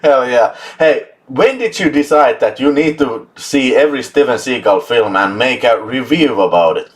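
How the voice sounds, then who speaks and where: A man's voice: mid-range voice, expressive, moderate pace. Enthusiastic Finnish-accented man hosting. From Finland. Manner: enthusiastic, laughs often, swears for emphasis. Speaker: host. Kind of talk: casual live chat.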